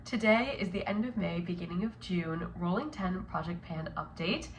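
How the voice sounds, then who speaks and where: A woman's voice: on the low side, moderate pace, loud music behind the voice. Sick-sounding chatty young woman. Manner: chatty, upbeat, lots of likes and ums. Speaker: beauty vlogger. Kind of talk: casual vlog chat.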